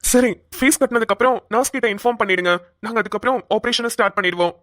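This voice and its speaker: A woman's voice: on the high side, very fast, a bit bright, no room sound, clean studio sound, natural voice. A woman voicing a polite, reassuring male hospital doctor in a cartoon. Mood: businesslike. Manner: polite, reassuring, mixes English words. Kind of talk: cartoon voice acting.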